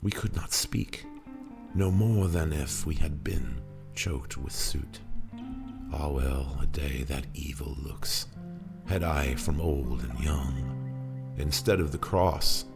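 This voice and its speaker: Over guitar music, a poetry performer recites in a theatrical, brooding, emphatic manner. His voice is very deep and gravelly, his pace slow.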